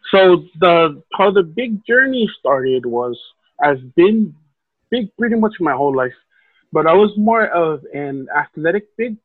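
Telling his life story as a podcast guest, this Hawaiian man speaks casually and unhurriedly, rambling with plenty of fillers and restarts. His voice is on the high side with lively intonation, and the dry, echo-free audio has the tinny quality of a phone call.

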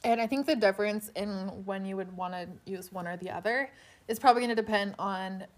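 A woman co-hosting a casual chat, talking with many fillers and laughing easily, recorded on the floor under a blanket fort. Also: mid-range voice. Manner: chatty, quick to laugh, filler-heavy. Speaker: podcast co-host.

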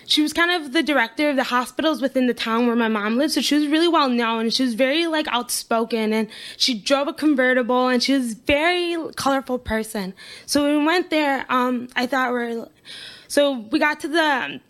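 A young American woman with a light, high voice tells a personal story in a relaxed, chatty way. She fills her sentences with "like" and slips into lively quoted voices as she recounts what everyone said. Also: a little fast. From United States. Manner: chatty, heavy use of "like" fillers; animated, acts out quoted speech.

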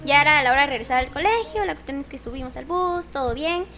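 A woman, a kindergarten teacher telling a funny work story as a podcast guest, animated and quick to laugh. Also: high voice, faint music behind. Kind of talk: casual storytelling chat.

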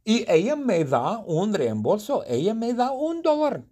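A bumbling, easily indignant storybook fellow, played by a man telling his own tale. His delivery is unhurried and swoops up and down in pitch. His tone is mellow and slightly husky. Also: huge pitch swings, heavily acted. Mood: playful. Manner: first-person storytelling, exaggerated indignation.

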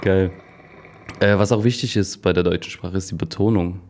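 A man's voice: low voice, steady tone, moderate pace, darkish tone. A young man co-hosting a casual podcast, easygoing and rambling, laughing often. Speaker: podcast co-host. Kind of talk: casual chat.

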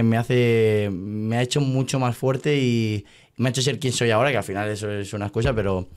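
A young man in his twenties, a magician guest on a podcast, telling a story in casual chat with lots of fillers. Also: mid-range voice. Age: 20s. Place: podcast studio.

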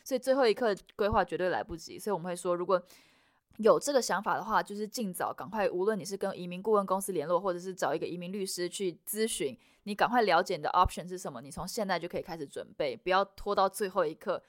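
Woman, immigration consultant, rapid explanatory delivery, slightly low voice, dry close sound. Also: no echo. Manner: mixes English terms into Mandarin. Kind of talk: expert interview answers.

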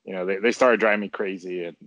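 A man's voice: low-pitched, fairly even intonation, fast talker, fairly bright tone, no echo, dull audio. A man chatting casually, hesitant and full of fillers and restarts. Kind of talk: casual conversation.

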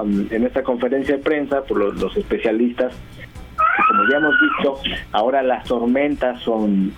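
Lively man on a dull radio line. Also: mid-range voice. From Mexico. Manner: talkative, thinking aloud with many fillers. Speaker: guest journalist. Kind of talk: radio interview chat.

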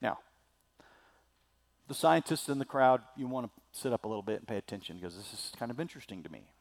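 A male preacher with a slightly scratchy throat delivers a sermon, swinging between loud declaiming and quiet asides. His medium-pitched voice is animated and fast, with vocal fry.

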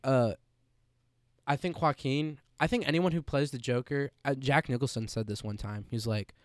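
A young man co-hosts a casual podcast in a medium-pitched voice at a moderate pace, recorded in a clean studio with no echo. He's animated, says "like" constantly, and swears casually as he chats.

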